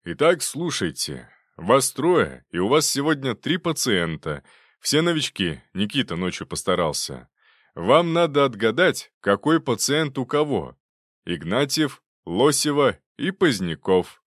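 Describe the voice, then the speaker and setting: A man voicing a brisk older male doctor who heads a department, bantering and commanding. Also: mid-range voice, big pitch swings, a bit bright, dry recording, clean studio sound, voice pushed up. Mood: instructing.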